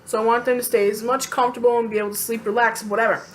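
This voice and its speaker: A woman telling a personal story to camera in a casual, animated, chatty way, venting bluntly and acting out quotes. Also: a little high, racing, slight background noise. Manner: animated, chatty, lots of fillers and acted-out quotes.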